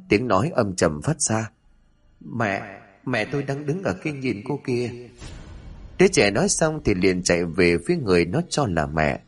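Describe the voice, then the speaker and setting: Expressive male horror storyteller. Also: low voice. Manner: dramatic, expressive reading.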